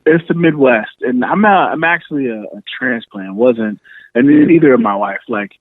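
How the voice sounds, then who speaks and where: A man's voice: mid-range voice, moderate pace, dry recording. Man in his thirties on a phone line. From New York City. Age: 30s. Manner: relaxed storyteller, laughs often. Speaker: podcast guest. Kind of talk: casual phone chat.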